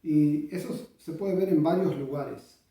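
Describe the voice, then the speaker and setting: A man teaching bandoneon, explaining in a thoughtful way with many pauses and sung-out rhythms. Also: fairly high pitch. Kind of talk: instructional explanation. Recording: echoey room, voice from a distance.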